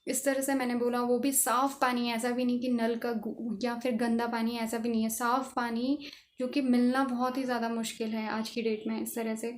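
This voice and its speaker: Earnest woman vlogging her own story, pretty high-pitched voice, really emphatic about it. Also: little pitch movement, normal speed. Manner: earnest, emphatic, passionate about social causes. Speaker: channel creator. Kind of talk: personal story vlog.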